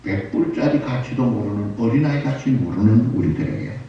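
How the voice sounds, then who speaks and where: A man's voice: medium pitch, normal speed. A man preaching a sermon as pastor, emphatic, with rising exclamations and rhetorical questions to the congregation. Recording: roomy dull hall sound, voice from far off.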